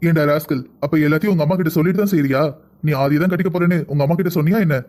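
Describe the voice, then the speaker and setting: A man's voice: a little high, fairly even intonation, very fast, darkish tone, lightly acted. An actor playing an old grandfather in a cartoon family drama, scolding one moment and soothing the next.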